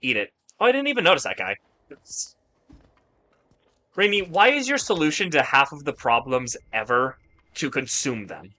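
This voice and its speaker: A man's voice: fairly high pitch, very animated, normal speed, pauses often, pushed and bright. A man streaming a video game, chatting casually with his viewers, rambling and joking and swearing often. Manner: rambling, joking, swears a lot while reading chat. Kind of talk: casual gaming stream chat.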